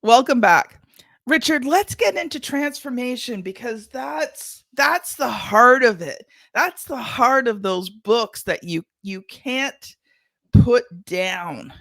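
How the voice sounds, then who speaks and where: A woman hosting an interview podcast, talking briskly about her work and steering the conversation. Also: fairly high pitch, animated, vocal fry, a bit bright, no echo. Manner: brisk, affirming. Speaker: podcast host.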